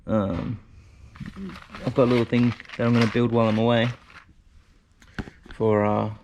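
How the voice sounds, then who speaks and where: A man's voice: lowish voice, level tone, moderate pace, darkish tone, lo-fi sound, slight background noise. A laid-back man, chatting casually and in slang as he presents a DIY vlog. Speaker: vlogger presenting a DIY video.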